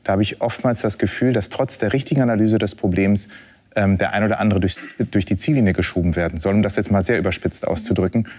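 A man speaking as a panelist in a casual discussion, slow and deliberate. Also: fairly low pitch, fairly even intonation, darkish tone.

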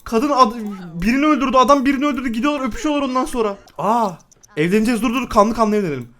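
A young man giving loud, excitable commentary while playing a life-simulation game, laughing and exclaiming often. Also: very high voice, racing. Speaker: gaming YouTuber. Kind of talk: excited let's-play commentary.

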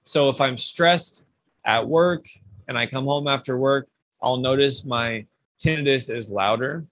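A man in his thirties, an audiologist answering a viewer's question in a measured, explanatory way. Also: mid-range voice, a bit bright. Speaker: audiologist guest.

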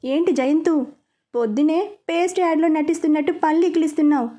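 A woman's voice: high voice, steady tone, fast talker, warm tone, close to an everyday voice. A woman reading the lines of a teasing, affectionate young husband in a story. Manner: playful, teasing.

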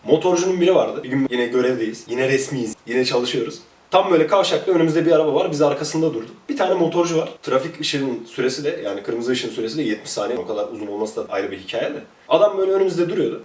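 A man, a former police officer, telling casual stories about his time on duty in a lively, chatty way. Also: mid-range voice, roomy sound, distant mic. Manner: lively, chatty, jumps between anecdotes. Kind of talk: casual anecdotal storytelling.

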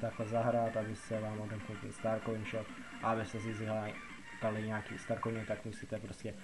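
Over background music, a Czech man gives a meandering, repetitive game tutorial peppered with filler words. His voice is lowish and completely flat.

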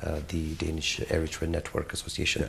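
A man's voice: rumbling low, monotone, fairly quick, creaky, fairly bright tone, slight background noise. A middle-aged man hosting a studio TV interview, asking his questions hesitantly with fillers. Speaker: TV interviewer, host. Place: TV studio, seated at a desk.

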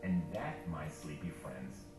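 A man's voice: extremely low pitch, lively intonation, unhurried. A man narrating a playful product promo video, played back into a room. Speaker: ad voice-over. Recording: video played in a room, echoey and distant with music.

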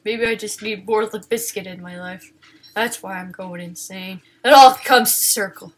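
A woman giving casual game commentary, swinging from panicked shrieks and swearing to low muttering. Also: a little slow. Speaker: gaming video host.

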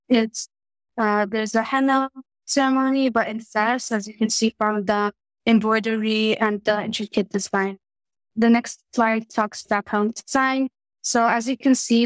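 A woman's voice: medium pitch, clean tone, no room sound, rough recording. A teenage girl from Morocco, giving a class presentation over a webcam, earnest and a little hesitant. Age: teens. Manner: earnest, slightly hesitant with fillers and restarts. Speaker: student presenter. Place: small room indoors. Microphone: webcam on a video call.

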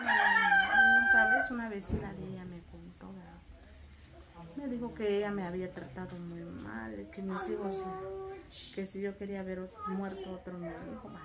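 A woman's voice: medium pitch, very animated, moderate pace, heavy background noise. A woman, telling her family story in a casual interview and acting out many quoted exchanges. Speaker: interviewee, mother.

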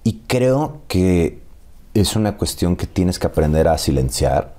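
A Mexican man in his thirties, an actor telling animated stories and laughing often in a casual interview. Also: low-pitched, measured pace. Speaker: actor guest.

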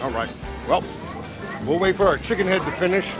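A man's voice: high-pitched, expressive, fairly quick. A man in his forties hosting a casual food challenge vlog, exclamatory and hesitant, on a lapel mic outdoors on a street. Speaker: vlog host. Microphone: clip-on lapel mic. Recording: busy outdoor street, music behind.

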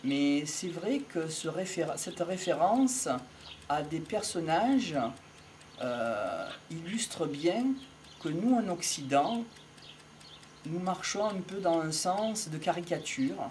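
A middle-aged amateur lecturer on psychology and philosophy improvises a reflective monologue outdoors in an open field by trees, pausing between short phrases in an unhurried, halting way. His voice is a little high, expressive and a little mellow, picked up by a small wired mic held near his mouth, with some background noise and birds.

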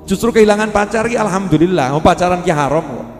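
A man's voice: high voice, animated, fast, a little mellow, soft background music. Javanese-accented man preaching in an echoey hall. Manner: folksy and humorous, mixing in Javanese words. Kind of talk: sermon.

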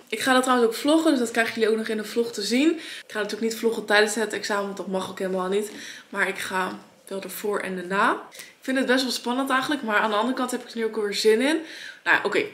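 A young woman in her late teens, chatting upbeat and enthusiastic to a handheld phone camera in a family vlog. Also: fairly high pitch. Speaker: family vlogger. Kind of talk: casual vlog chat to camera.

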